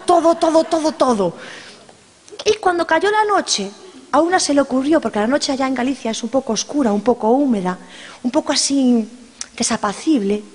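A middle-aged woman telling a story live to an audience, playful and dramatic, speaking directly to her listeners. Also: a little high. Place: hall with an audience. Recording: long hall reverb.

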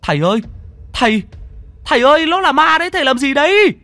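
A man voicing crude, panicky young village men shouting over each other. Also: on the low side, very animated, fairly quick, slightly rough, dry recording. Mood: panicked.

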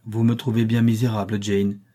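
A tormented middle-aged gentleman speaks with impassioned urgency, as a man reading the story voices him. The voice is dark and mellow, with a husky edge. He pleads and argues as if hurt. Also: fairly low pitch, level tone, moderate pace, close to an everyday voice. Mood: tender.

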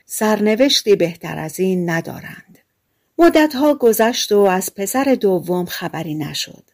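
Low-voiced woman narrating a fairy tale. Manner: calm, measured storytelling. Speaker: audiobook narrator.

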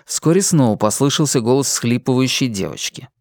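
Audiobook narrator, measured, even reading, mid pitch, dry studio sound. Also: no echo.

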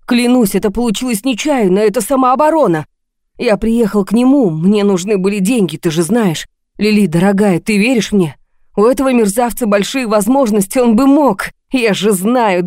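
A woman's voice: medium pitch, moderate pace, a little mellow, no room sound, studio quality, natural voice. A woman voicing a desperate young man who has just killed someone, pleading and panicky in an audiobook.

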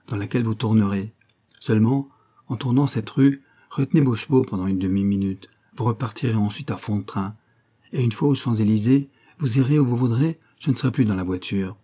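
A man's voice: on the low side, a little fast, dark tone, slightly rough. A man reading an audiobook, voicing an earnest, anxious young painter giving urgent instructions.

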